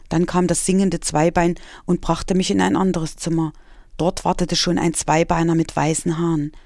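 A woman author reading her own children's story aloud in an expressive storytelling manner. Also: on the low side, dry recording, studio quality.

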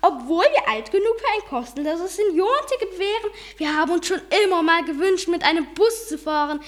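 A woman's voice: extremely high pitch, expressive, brisk, pitched above the performer's own voice. A woman doing a prim elderly queen. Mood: regal. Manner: stately, uses the royal we. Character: elderly queen, regal and dry.

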